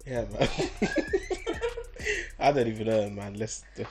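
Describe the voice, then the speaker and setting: A man's voice: mid-range voice, huge pitch swings, slow pace, noisy background. A man with an urban London roadman accent, hosting in casual, slangy banter and often chiming in. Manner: slangy, interjecting. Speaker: show host.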